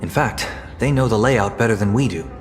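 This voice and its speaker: A man acts a composed, philosophical leader in a video game. His voice is on the low side, solemn and formally measured, with music clearly behind it. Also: close to an everyday voice. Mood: reflective. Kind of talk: video game character acting.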